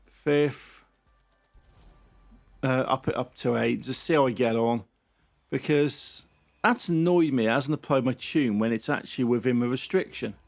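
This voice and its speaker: A man giving casual, chatty running commentary while playing a racing game. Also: medium pitch. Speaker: gaming channel host.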